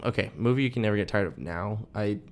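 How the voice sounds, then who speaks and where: A young man co-hosts a podcast, chatting casually and rambling with constant "like" and "dude." His voice sits fairly low, and he speaks animatedly at a quick pace.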